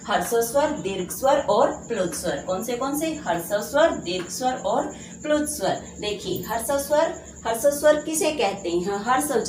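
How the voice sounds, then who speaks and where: A woman teacher giving a classroom-style grammar lesson, asking questions and answering them herself. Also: fairly high pitch. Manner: drills by question and answer, repeating key terms. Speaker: school teacher. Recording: echoey room, mic at a distance, faint background hiss.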